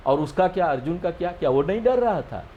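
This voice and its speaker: A man giving a scripture lesson. He explains each verse slowly and often checks with his listeners. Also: high-pitched, expressive, phone-quality sound, slight background noise. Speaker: spiritual teacher.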